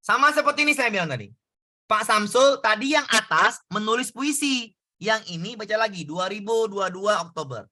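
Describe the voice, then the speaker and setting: A male tutor works through exam questions in a casual, back-and-forth way and keeps asking his students for answers. His voice sits high for a man. It sounds very bright and sharp. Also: animated, brisk. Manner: conversational, asks students questions. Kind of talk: exam prep lesson.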